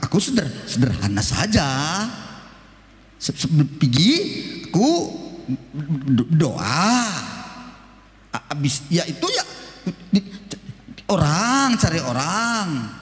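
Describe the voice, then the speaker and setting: A humble, earnest salesman stammers through every sentence, stuck on the first syllable of his words, as a preacher puts him on. His voice sits high and swings widely in pitch. Long reverb rings around him in a roomy church hall. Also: sing-song, takes it slowly, pauses often. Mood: halting, earnest. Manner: heavy stutter, repeating first syllables. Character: stuttering male book salesman, humble and earnest.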